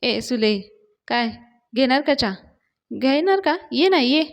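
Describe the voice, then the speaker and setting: A woman's voice: high-pitched, lively intonation, normal speed. A woman voicing a boastful, teasing older village father-in-law in a sing-song manner.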